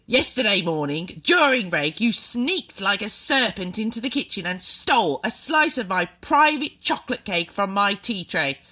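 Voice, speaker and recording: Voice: mid-range voice, sing-song, moderate pace, few pauses, voice pushed up. A reader voicing a furious, bullying headmistress who barks and screams insults at a boy. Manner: barking, shouting insults.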